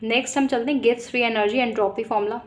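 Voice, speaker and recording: Young woman, medical student tutor, slightly raised pitch, casual brisk exam-prep delivery. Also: steady tone. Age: young adult. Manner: brisk, repeats "ठीक है" often, direct to viewers.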